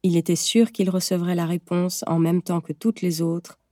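Low, mellow woman narrating a story. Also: flat delivery, dry recording, studio quality. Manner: measured, gentle storytelling. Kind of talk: scripted audiobook narration.

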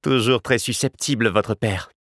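A man reading a novel aloud and voicing a calm young man who speaks wryly. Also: medium pitch, normal speed, no echo, studio quality. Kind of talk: audiobook character voice.

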